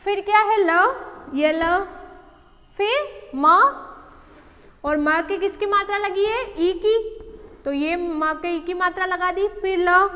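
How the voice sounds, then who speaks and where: A woman's voice: very high-pitched, sharp tone, big-room sound. A woman teacher giving a patient online lesson to young children, asking questions and answering them herself.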